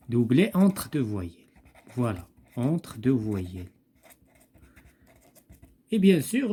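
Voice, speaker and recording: Slow, husky Moroccan teacher. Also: male voice, a little high, dark tone. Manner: slow, repeats each word, thinks aloud with fillers. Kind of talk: slow classroom explanation.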